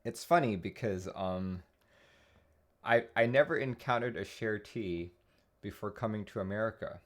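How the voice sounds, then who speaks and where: A man from Taiwan with a fairly low voice hosts a live stream. He talks in a relaxed, chatty way, greeting viewers by name and reading their chat messages aloud. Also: normal speed.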